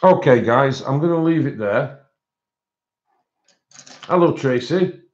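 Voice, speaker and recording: A man's voice: mid-range voice, lively intonation, slow, dull audio. A man hosting a livestream, chatting casually with viewers and thinking aloud in a hesitant way. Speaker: livestream host.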